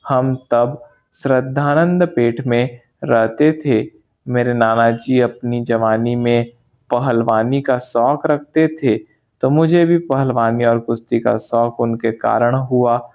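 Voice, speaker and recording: A man narrates a spiritual memoir as an audiobook, and his delivery is slow, calm and measured. His voice sits in an ordinary middle range. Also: medium pitch, highs cut off.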